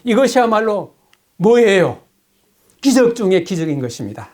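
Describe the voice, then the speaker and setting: Brief: male pastor with a high voice, preaching a sermon, asks questions and answers them himself. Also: sing-song, darkish tone. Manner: reads scripture aloud slowly.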